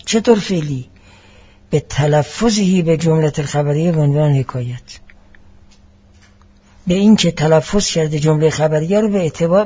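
A man giving a classroom lecture as a seminary teacher, explaining each point deliberately and mixing in Arabic phrases. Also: fairly high pitch, mellow, slightly rough, highs cut off.

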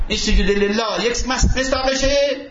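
A man giving a seminary lecture, quoting Arabic texts and posing fill-in questions to his students. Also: very high-pitched. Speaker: seminary teacher. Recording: roomy dull recording with faint hiss.

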